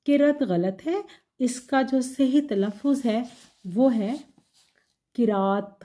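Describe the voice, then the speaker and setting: A woman teaches pronunciation at an unhurried, deliberate pace. Her voice is warm and mellow, and she corrects one word after another with calm care. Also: fairly high pitch. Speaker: language teacher. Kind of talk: pronunciation lesson.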